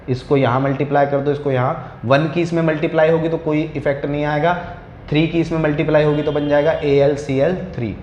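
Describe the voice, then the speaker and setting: A man's voice: a little high, a little mellow. A man teaching a chemistry lesson, asking questions and answering them himself. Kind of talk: classroom-style chemistry lesson. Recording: dull roomy recording with faint hum.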